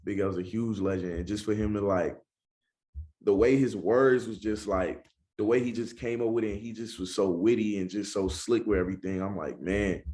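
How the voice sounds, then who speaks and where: Laid-back young Southern man, low voice. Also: fairly even intonation, fairly quick, mellow. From Charlotte, North Carolina. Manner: laid-back, constantly adds "you know what I'm saying". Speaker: rapper, interview guest. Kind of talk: casual interview talk.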